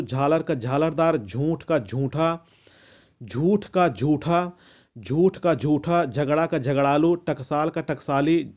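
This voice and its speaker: A man reading out a long list of word pairs as a lesson, measured and methodical, with the odd restart. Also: a little high, a little mellow. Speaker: teacher reading a Hindi vocabulary list. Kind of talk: slow recitation of word pairs.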